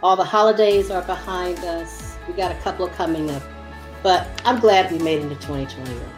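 Low-voiced woman podcast co-host. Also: fairly quick, soft background music. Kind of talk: casual podcast chat.

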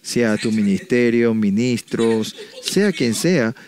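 A man's voice: medium pitch, lively intonation, crowd noise. Man preaching, full of restarts. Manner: ends phrases with a questioning "no?" tag, halting restarts. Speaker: pastor. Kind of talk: sermon.

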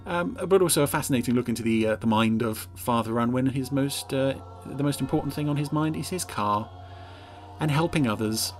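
A man's voice: medium pitch, brisk, faint music behind. A man hosting a casual episode commentary in a wry, rambling, hesitant way. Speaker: host.

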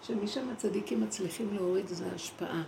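A woman giving a spiritual talk, telling a personal story in an animated way and acting out the voices she quotes. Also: mid-range voice, crowd noise. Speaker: speaker at a spiritual gathering. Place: evening gathering indoors. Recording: echoey room with clear background ambience.

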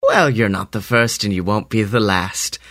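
Man voicing a female flying teacher, dry, unfazed, matter-of-fact, bright tone. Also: fairly low pitch, moderate pace, dry recording, pitched below the performer's own voice.

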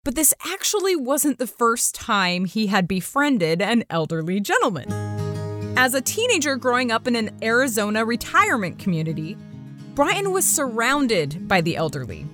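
A woman narrates a storytelling podcast, her pitch rising and falling in a lively, animated way. She breaks off for playful, chatty asides to the listener. Faint music plays underneath her voice. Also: moderate pace.

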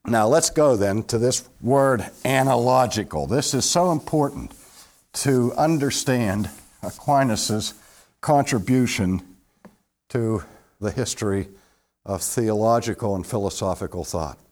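Man lecturing a class on theology, mid pitch, gets loud then drops low for asides, asks the room questions. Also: a little slow. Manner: expressive, swings between loud emphasis and hushed low asides; questions the audience directly. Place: lecture room with live audience.

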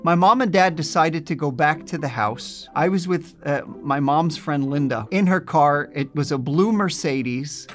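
A man from New Jersey, a scholar, telling his personal testimony in an animated storytelling way. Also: fairly high pitch, a little slow, hardly any pauses, faint music behind.

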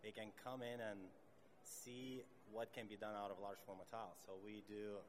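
A man from Lithuania, a tile setter introducing himself deliberately on a panel. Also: on the low side, flat delivery, slight background noise.

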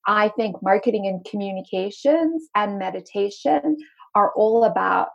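A woman's voice: medium pitch, animated, moderate pace, vocal fry, dull audio. A woman from Zimbabwe with a light Zimbabwean and South African accent that is mostly American, an enthusiastic, earnest marketing coach chatting as a podcast guest. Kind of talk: casual podcast conversation.

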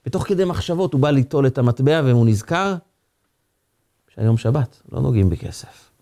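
A mellow-voiced rabbi telling a story. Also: male voice, mid-range voice, gravelly. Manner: dramatic, expressive storytelling. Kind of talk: sermon storytelling.

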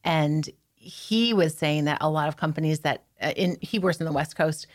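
A woman recruiter on an HR podcast, telling work stories in a lively way and laughing easily. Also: low voice, moderate pace. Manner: animated storyteller, laughs easily. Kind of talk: casual podcast chat.

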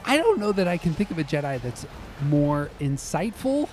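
A man's voice: a little high, big pitch swings, moderate pace, a little mellow, faint music behind. A man hosting a podcast, casually recapping and discussing a TV episode, narrating scenes as he goes. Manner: narrates scenes, reads out quotes, laughs easily. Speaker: podcast host.

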